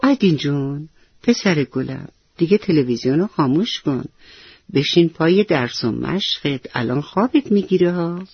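A woman voicing a gentle, doting mother who coaxes her young son with affectionate words, in a children's story reading. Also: low voice, expressive, husky, no room sound, highs cut off, full character voice. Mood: coaxing. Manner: soft, affectionate coaxing.

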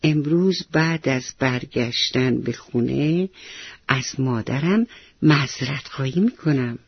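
A woman's voice: very deep voice, slightly rough, highs cut off, voice pushed down, heavily acted. A woman doing a sulky little schoolboy. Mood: resolved. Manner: grumbling, petulant complaints. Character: sulky little schoolboy, stubborn then sorry.

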